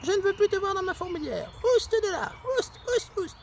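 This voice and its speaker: A woman's voice: very high voice, expressive, moderate pace, gravelly, a little mellow, slight background noise, heavily acted. Bossy ant queen as a lady puts her on, curt, brushes you off, kids story voice. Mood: dismissive. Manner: curt, dismissive.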